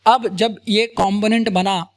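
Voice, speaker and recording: A man's voice: high-pitched, fairly even intonation, slow pace. A man teaches a screen-recorded coding lesson. He talks in a loose, conversational way and keeps checking in with his viewers by asking "right?" and "boss?". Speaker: programming tutor.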